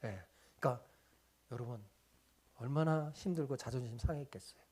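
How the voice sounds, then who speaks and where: A man's voice: mid-range voice, moderate pace, darkish tone. A middle-aged man, a pastor, preaching a sermon in a church. He keeps asking the congregation questions and then answers them himself, and he acts out the voices of people he quotes. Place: church sanctuary.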